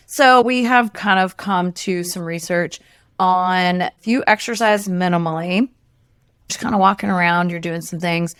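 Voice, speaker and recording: A woman co-hosting a podcast, calmly explaining protein and calorie math step by step. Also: on the low side, clear, resonant tone, no room sound, clean studio sound. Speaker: podcast co-host, nutrition expert. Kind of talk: casual explanatory chat.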